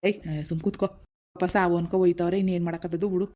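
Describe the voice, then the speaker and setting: A woman's voice: on the low side, level tone, very fast, mellow, pitched below the performer's own voice, lightly acted. A woman voicing a blunt, dismissive older village husband in a cartoon. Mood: gruff. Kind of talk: animated cartoon voice acting.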